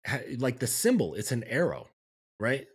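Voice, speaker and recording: A man's voice: mid-range voice, wildly swooping pitch, moderate pace, husky. A man talking as a guest on a podcast, reflective, often checking in with the listener as he makes his points. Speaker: guest, men's coach. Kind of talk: podcast conversation.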